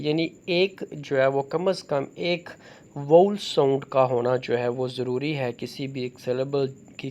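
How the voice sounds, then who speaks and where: Slow-spoken man lecturing on phonology. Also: medium pitch, vocal fry, a little mellow, muffled recording, a little hiss or hum. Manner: slow, deliberate, with frequent fillers. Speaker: teacher.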